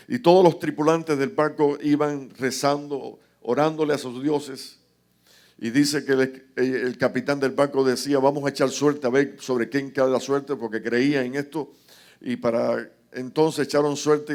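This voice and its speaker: Male pastor, mid-pitched voice, impassioned sermon delivery, dramatic retelling of scripture. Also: a little mellow. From Cuba. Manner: rhetorical asides to the congregation.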